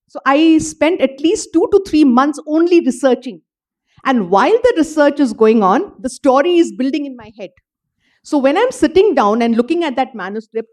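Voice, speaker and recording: This woman's voice sits high but has a darkish tone. She's an author on a literature festival panel, answering audience questions in an event hall and earnestly explaining how she writes, dropping in "you know" as she goes.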